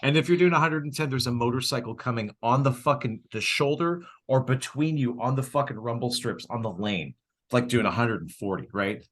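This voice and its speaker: Speaking briskly at a medium pitch, this podcast co-host keeps the comedic chat casual, blunt, and full of profanity and jokes. His storytelling is lively, with snippets of dialogue performed along the way.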